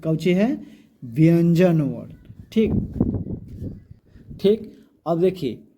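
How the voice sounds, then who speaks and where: A man's voice: on the high side, mellow, a little hiss or hum. A male grammar teacher, giving a classroom lesson and repeatedly asking his students questions that he answers himself. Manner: repetitive call-and-response questioning, drills sounds aloud.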